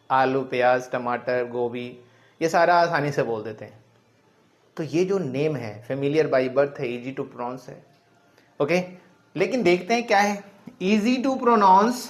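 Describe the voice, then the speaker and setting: Male biology teacher, higher-pitched voice. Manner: repetitive, asks questions and answers them himself; mixes English terms into Hindi. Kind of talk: classroom lecture.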